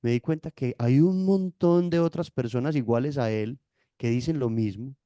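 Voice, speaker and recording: Warm-voiced man explaining yoga history. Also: mid-range voice, moderate pace, no echo. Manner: lecturing, checks in with tag questions. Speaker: yoga teacher, guest. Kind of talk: explanatory interview talk.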